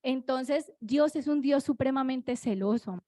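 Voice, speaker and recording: High-voiced woman preaching. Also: a little slow, mellow, dry recording. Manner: conversational, confiding, asks the congregation "¿sí?". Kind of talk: sermon. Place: church.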